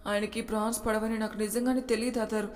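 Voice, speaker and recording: A woman's voice: fairly high pitch, flat delivery, fast talker, close to an everyday voice. Woman reading a fiery, naive young wife, storybook voice, echo of a hall. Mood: anxious. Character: young wife, hot-tempered yet innocent, tearful.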